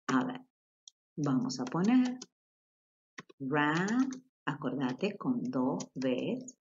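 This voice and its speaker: A woman's voice: extremely low pitch, sing-song, takes it slowly, a little mellow, dull audio, slight background noise. A woman with a Rioplatense Spanish accent teaching a children's English lesson, patient and spelling words out letter by letter.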